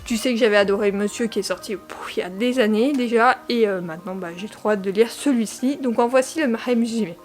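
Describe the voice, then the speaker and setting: A woman's voice: a little high, fairly quick, hardly any pauses, faint music behind. A young woman talking casually about books she plans to read and reading their summaries aloud, with many fillers and restarts. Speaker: book vlogger.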